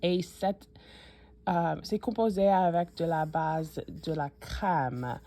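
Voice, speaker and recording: A woman's voice: on the low side, slow, mellow. A woman from the New York suburbs with an American accent, a native English speaker, hesitantly walking viewers through a cookbook in a casual vlog. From United States (New York suburbs). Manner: hesitant, frequent fillers and self-corrections. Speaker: cooking channel host.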